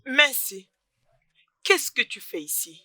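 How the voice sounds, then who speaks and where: An actress voicing a fiery young pregnant village woman in a dubbed film drama, shouting and pleading. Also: high voice, sing-song, slow pace, no echo, heavily acted. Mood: indignant. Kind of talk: French dub of a Nigerian film.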